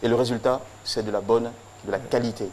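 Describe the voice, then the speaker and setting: A man presents a formal tribute, his delivery solemn and rhythmic, built on emphatic repetition. His voice sits at an ordinary middle pitch. Faint noise runs under the recording. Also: fairly even intonation, brisk, a little mellow. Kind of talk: declamatory tribute speech.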